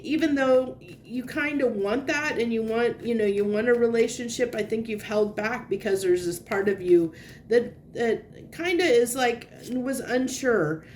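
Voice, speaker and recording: A congested, sniffly woman gives a casual tarot reading to camera at a measured pace. She meanders, searching for words and circling back on her thoughts while offering gentle reassurance. A faint low rumble runs beneath her voice.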